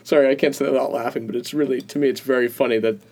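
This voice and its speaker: A man's voice: mid-range voice, fairly even intonation, very fast, a little mellow. Laughing, rambling podcast co-host man. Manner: rambling, laughs often, retells stories animatedly. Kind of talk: casual chat.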